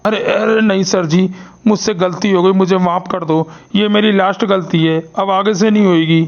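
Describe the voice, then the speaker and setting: Jittery cartoon teacher, stutters a lot, high raspy voice, lo-fi sound. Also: male voice, fairly even intonation, normal speed. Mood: flustered pleading. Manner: stammering, pleading. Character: nervous henpecked male schoolteacher.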